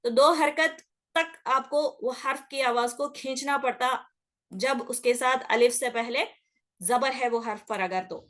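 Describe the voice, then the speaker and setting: A woman's voice: sits high, measured pace, fairly bright tone. A woman teaching Quran recitation rules in a patient lesson, checking in often and stretching sounds out to demonstrate. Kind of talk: explanatory classroom lesson.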